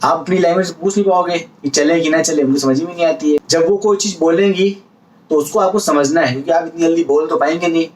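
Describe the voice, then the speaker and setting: A man's voice: a little high, fairly even intonation, quick pace, a little mellow, distant mic, low-quality recording. Man teaching patiently, a little off-mic. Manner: explains patiently with repetition and examples. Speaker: language teacher vlogger. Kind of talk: casual spoken lesson.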